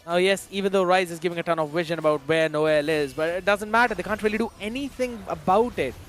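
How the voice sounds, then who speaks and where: A man's voice: high-pitched, fast, slight background noise. A man giving casual color commentary and analysis on a mobile esports match, slangy and chatty.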